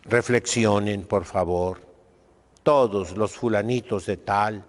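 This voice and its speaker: A man's voice: lowish voice, slow pace, in a large hall. A Mexican man preaching a sermon as a priest, emphatic and direct, checking in with his listeners with questioning asides.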